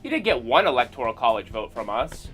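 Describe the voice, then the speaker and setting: A man hosting a comedy commentary show, mocking and sarcastic, with quick animated asides. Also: mid-range voice, over music.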